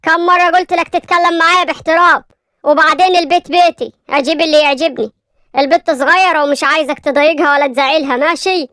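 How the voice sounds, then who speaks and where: A woman's voice: high-pitched, steady tone, fast, fairly bright tone, dry recording, clean studio sound. A woman voicing a kind wealthy father with an Egyptian accent, soothing and affectionate. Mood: firm. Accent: Egyptian Arabic.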